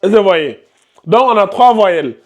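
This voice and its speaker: A man leads a live tajwid class on the rules of Quran recitation, quizzing students and repeating the key terms. His voice sits high and is expressive, at a moderate pace.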